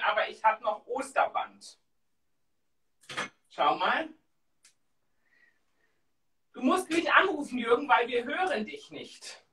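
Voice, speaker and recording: Animated, bright, high-pitched woman. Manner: animated, expressive, exclamatory. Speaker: host of a live-stream talk show. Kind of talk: casual, chatty live-stream talk while troubleshooting. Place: small tiled room indoors.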